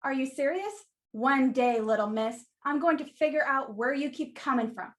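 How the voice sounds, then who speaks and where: In a radio play, a woman takes on the role of a sassy, blunt, no-nonsense flower shop keeper, brisk, wry and teasing. Her pitch sits high yet stays close to an everyday voice, and she sounds mock stern.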